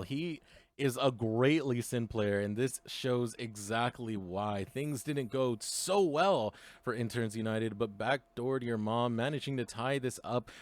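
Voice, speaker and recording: A man giving live play-by-play commentary on an esports match, excitable and quick to laugh. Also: mid-range voice, no room sound. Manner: excitable, laughs often, shouts big plays. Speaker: esports caster. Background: game music.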